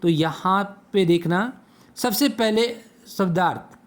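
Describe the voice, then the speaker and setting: A man teaching a Sanskrit lesson to children, patiently asking questions and answering them himself. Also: sits high. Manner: slow, patient, asks and answers own questions.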